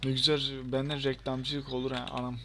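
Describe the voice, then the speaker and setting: A young man giving chatty, excitable let's-play commentary and talking back to the game. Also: mid-range voice, normal speed, background noise. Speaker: gaming channel host.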